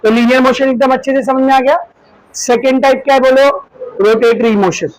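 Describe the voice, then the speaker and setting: High-voiced man teaching physics in class. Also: steady tone, a little fast, dry recording, rough recording. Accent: Indian. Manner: asks the class questions and answers them himself, calls students "beta"; demonstrates with objects while explaining. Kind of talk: classroom lecture.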